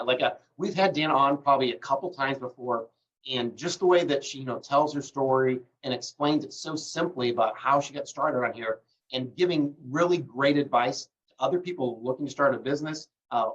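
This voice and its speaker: This mid-range male host runs a live online call loosely and casually, leaning on lots of fillers while pitching things, all while getting over bronchitis. He seems set back from the microphone, and the recording has a muffled, low-fidelity quality.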